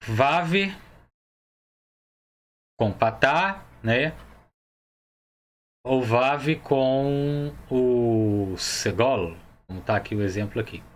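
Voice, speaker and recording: A man's voice: mid-range voice, very slow, pauses often. A man with a Brazilian Portuguese accent teaching a Hebrew grammar lesson, explaining each step patiently and often checking that the viewer follows.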